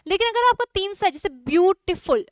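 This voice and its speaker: A woman's voice: extremely high pitch, expressive, moderate pace, fairly bright tone, no echo, clean studio sound. A young woman with an Indian English accent teaching an online exam-prep lesson, chatty and quizzing her students. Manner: chatty, mixes Hindi and English, asks students questions.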